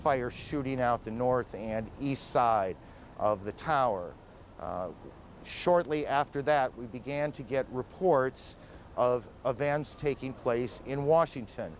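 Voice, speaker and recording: A man anchoring live breaking news, summarizing events in a measured, steady way. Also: medium pitch, slight background noise, rough recording.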